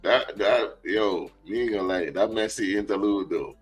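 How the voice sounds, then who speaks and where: A man's voice: on the low side, normal speed, slightly rough, soft background music, poor audio. A man hosting a live stream interview, asking easygoing, slangy questions. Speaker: host. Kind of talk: casual interview chat. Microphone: live stream call.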